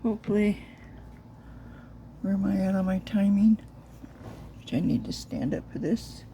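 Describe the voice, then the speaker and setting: A soft-spoken woman narrating a casual crafting vlog, keeping her voice low and muttering to herself as she works with her hands. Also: a little slow, slight background noise. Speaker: crafter making silicone molds.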